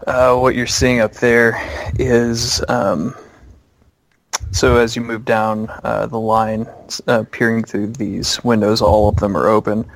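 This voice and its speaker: Slow gravelly-voiced game master. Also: male voice, lowish voice, level tone, rough recording. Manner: descriptive, many fillers and pauses. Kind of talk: narrating a tabletop game.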